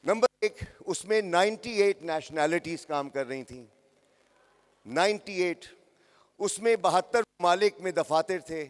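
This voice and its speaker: An older man in his sixties speaks slowly and deliberately, his voice ringing out through a large hall. He talks to a young audience, calls on them directly and repeats key phrases to drive them home. His voice sits a little high for a man. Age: 60s. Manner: interactive, addresses the crowd and repeats phrases for emphasis. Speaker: motivational speaker. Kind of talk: motivational talk to young audience. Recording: echoey hall.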